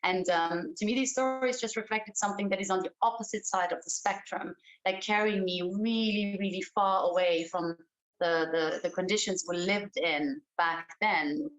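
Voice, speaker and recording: A woman's voice: medium pitch, normal speed, low-quality recording. A woman who grew up in Austria, an actress, talking thoughtfully in an interview. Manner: reflective, thoughtful, hesitant fillers. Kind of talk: casual interview chat.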